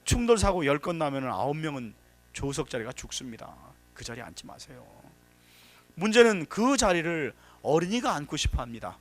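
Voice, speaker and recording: A man's voice: on the high side, very animated, brisk, soft background music. A man giving a workshop lecture on safety, telling anecdotes, acting out quotes and giving emphatic warnings. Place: workshop hall.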